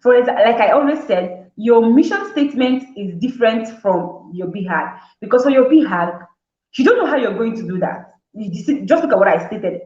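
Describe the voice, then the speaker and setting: A woman's voice: medium pitch, a little mellow. A woman talk-show host explains her topic in a casual, chatty way, breaking into the amazed reactions of imagined listeners and often restarting words. Her voice sits in a middle range. The recording is roomy and slightly dull, as if made on modest equipment in an echoing space.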